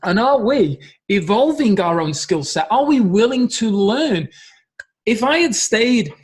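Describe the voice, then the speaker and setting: A man's voice: high voice, lively intonation, measured pace. A middle-aged man giving an earnest motivational talk to camera as a business coach, repeating phrases and restarting sentences.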